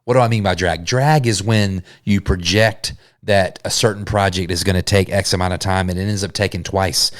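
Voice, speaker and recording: A man with a fairly low voice hosts a solo business show, earnest and conversational, now and then stumbling and restarting a phrase. The sound is close and dry, with no room echo at all. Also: fairly even intonation, moderate pace, few pauses. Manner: earnest, conversational, with self-corrections. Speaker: podcast host.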